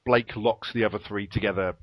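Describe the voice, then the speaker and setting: A man chatting through a story recap in a relaxed, rambling way, with fillers and small laughs along the way. His voice sits at an ordinary pitch. The recording is dry and a little dull, like a home podcast mic. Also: a little fast, dry recording. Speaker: podcast co-host recapping an episode. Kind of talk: casual chat, episode recap.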